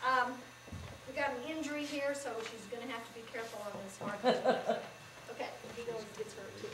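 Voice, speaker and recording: A woman's voice: a little high, steady tone, brisk. A woman coach introducing student performers in a casual, chatty way at a school event. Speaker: forensics coach announcing performers. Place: school auditorium. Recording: distant echoey auditorium with noise.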